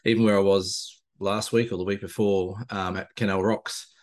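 A man with an Australian accent chats casually in a fairly low voice. His delivery is a dry, laconic drawl, relaxed in wording, like a co-host talking with a mate. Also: normal speed. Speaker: co-host, landscape photographer. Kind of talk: casual chat on a video show.

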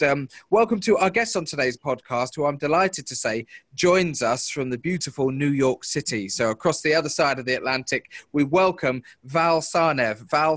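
A man's voice: a little high, a bit bright, no echo. A man hosting a podcast, introducing and questioning his guest with many hesitant fillers. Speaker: podcast host. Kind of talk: podcast interview.

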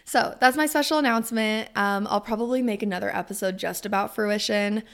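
A young woman podcast host and coach giving a casual, gushing promotional monologue, rambling and digressing, with some swearing and a creaky vocal fry. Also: medium pitch, fairly quick. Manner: gushing, enthusiastic.

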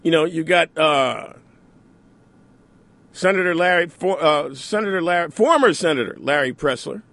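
A man's voice: a little high, lively intonation, moderate pace, a bit bright, dry recording. A man hosting a radio talk show, delivering an opinionated monologue with sarcastic asides. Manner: sarcastic, mocks opponents in mimicking asides.

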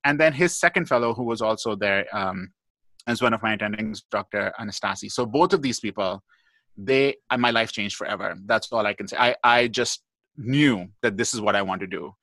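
A man's voice: lowish voice, brisk, bright, forceful tone, dry recording. A man, a guest pathologist, telling a long story in a podcast interview, chatty and full of "like" and "you know".

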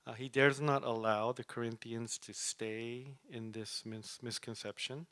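A man's voice: mid-range voice, steady tone, a little slow, bright, forceful tone, no echo. Guy giving a chatty sermon, lots of "right?" and "uh", dry close mic. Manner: conversational, often asks "right?", uses fillers. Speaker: preacher teaching a Bible study.

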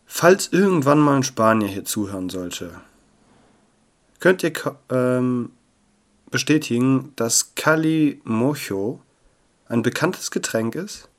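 A young man hosting a casual podcast, chatty and playful, swinging between loud bursts and low murmurs on a close, sensitive mic. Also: animated, takes it slowly. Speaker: podcast host. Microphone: sensitive close mic that picks up paper rustle.

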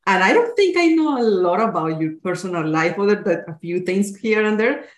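A woman's voice: mid-range voice, animated, fairly quick, echoey room. A woman hosting a podcast, welcoming her guest and asking friendly, encouraging questions about her childhood. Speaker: podcast host. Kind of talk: casual interview hosting.

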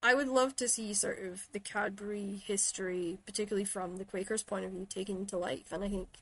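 A woman's voice: mid-range voice, fairly even intonation, fairly quick, a bit bright, poor audio. A woman from Shetland with an American-influenced accent, chatting casually and telling stories through quoted exchanges. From Shetland, Scotland. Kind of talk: casual chat.

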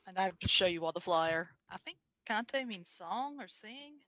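A woman's voice: mid-range voice, lively intonation, moderate pace, sharp tone, no echo. A woman player in a tabletop game, speaking hesitantly with fillers. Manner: hesitant, asking rules questions. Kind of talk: casual chat.

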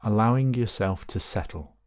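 In a low-leaning voice, a man walks listeners through a body scan meditation, offering soft, slow instructions with lengthy pauses between phrases.

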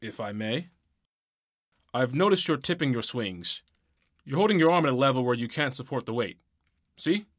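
A man's voice: medium pitch, animated, normal speed, pauses often, no echo, clean studio sound, lightly acted. A man voicing a polite older knight who coaches sword practice in a student radio drama. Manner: polite, instructive. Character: older male knight, polite sparring mentor.

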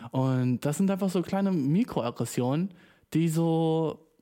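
A young man from Germany hosts a casual solo podcast, speaking straight into his microphone in a small room. His voice is mellow, warm and relaxed, fairly high in pitch and measured in pace. He talks in slang peppered with English words and breaks into lively, excited stretches.

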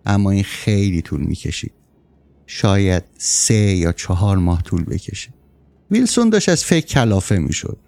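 Male audiobook narrator, low and gravelly, steady storytelling. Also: no room sound. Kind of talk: scripted narration.

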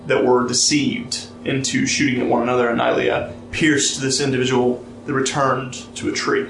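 A man narrating as game master of a tabletop game, relaxed and storytelling, reading lore aloud with fillers. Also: medium pitch, moderate pace, gravelly. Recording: roomy sound with music behind.

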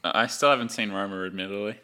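A young man co-hosting a film podcast, talking in a relaxed, chatty way and laughing now and then. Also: lowish voice, fast talker. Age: young adult. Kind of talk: casual chat.

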